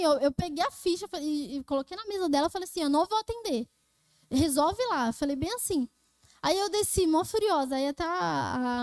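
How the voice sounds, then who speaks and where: A young woman with a Brazilian Portuguese accent gives her testimony at a youth gathering in a high, bright voice. The sound is close and dry, with almost no room echo. She tells her story casually, talking to her listeners as brothers and sisters. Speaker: youth speaker. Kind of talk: church testimony.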